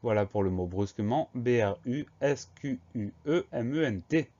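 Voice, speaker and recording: A man teaching a spelling lesson, calmly explaining each word and spelling it out letter by letter. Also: medium pitch. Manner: slow, carefully spells words letter by letter. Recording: dull lo-fi sound.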